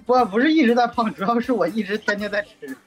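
A man co-hosting a casual chat podcast, telling stories in a halting way and repeating words as he goes. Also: sits high, soft background music. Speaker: podcast co-host.

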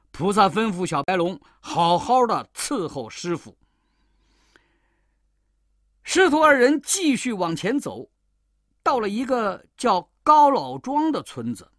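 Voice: mid-range voice, fairly bright tone, no room sound. A storyteller reads a classic children's tale with great expression. The voice rises and falls widely and adds playful sound effects. The recording is dry and close with no room sound.

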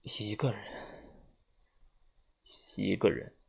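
A man's voice: fairly low pitch, steady tone, takes it slowly, gravelly, a little mellow, breathy edge, full character voice. A man reading an audiobook, voicing an uneasy, frightened young woman who asks tense, shaky questions.

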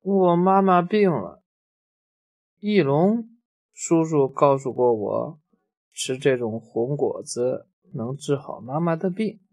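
A man voicing a timid, tearful young male baby dinosaur in a storybook read-aloud, speaking softly and sweetly. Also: fairly high pitch, sing-song, normal speed, few pauses, husky, dry recording, full character voice. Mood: sweet childlike.

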